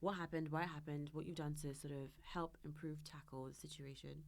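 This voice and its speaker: Low-voiced woman hosting a podcast. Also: little pitch movement, brisk, creaky. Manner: attentive, lots of small agreeing sounds. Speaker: podcast host. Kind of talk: casual interview chat.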